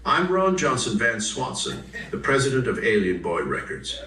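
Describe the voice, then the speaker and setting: An actor playing a blunt, crass record label president in a parody corporate promo. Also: male voice, medium pitch, big pitch swings, normal speed, a crowd in the background, lightly acted. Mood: smug, blunt. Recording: roomy, distant, faint noise.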